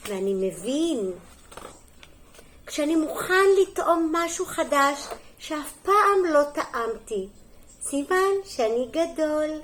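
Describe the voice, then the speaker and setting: A middle-aged kindergarten teacher reading a storybook aloud to young children, gentle and sing-song, pausing for little asides and questions. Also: female voice, high voice, a little hiss or hum.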